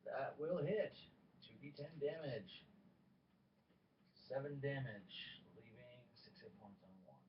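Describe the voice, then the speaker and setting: A man's voice: mid-range voice, takes it slowly, recorded from a distance, dull audio, slight background noise. A man running a tabletop game as game master, talking in a casual, matter-of-fact way and swearing offhandedly.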